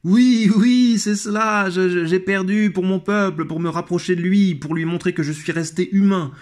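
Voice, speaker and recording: A man's voice: sits high, steady tone, moderate pace, voice pushed up, lightly acted. A man voicing a vain young male Roman emperor who speaks eagerly and grandly, stumbling a little over his words. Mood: grandiose.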